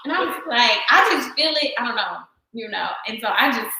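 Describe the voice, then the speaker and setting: Bright, high-voiced woman, laughing through stories. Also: heavy reverb, low-quality recording. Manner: animated, laughing, quick storytelling. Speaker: guest, yoga teacher. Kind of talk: casual conversation. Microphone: video call.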